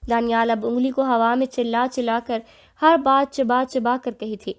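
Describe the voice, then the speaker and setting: A woman's voice: fairly high pitch, little pitch movement. Woman narrating an audio novel.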